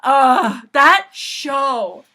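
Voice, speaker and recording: A webcomic artist who hosts a channel chats casually with her sister and answers questions, her voice high, very animated, very slow, pushed and bright. She's giggly, rambling and self-deprecating, with background music running under her voice.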